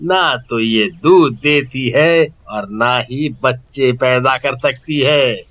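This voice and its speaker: A greedy old village merchant. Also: male voice, medium pitch, fairly bright tone. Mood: scheming. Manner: grumbling, drawn-out hums, scornful. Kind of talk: cartoon story voice acting.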